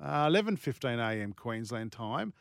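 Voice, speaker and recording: A man's voice: mid-range voice, very animated, normal speed, creaky, no room sound, clean studio sound. An Australian man hosting casual sports radio, emphatic and given to repeating himself. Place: dry radio studio.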